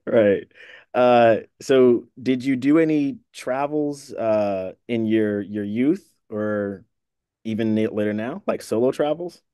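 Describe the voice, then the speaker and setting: A man hosting an interview, affirming his guest warmly and asking questions that wander a little. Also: medium pitch, takes it slowly, smooth, no room sound. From New York. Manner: affirming, encouraging, rambling questions. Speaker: interview host. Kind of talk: casual interview.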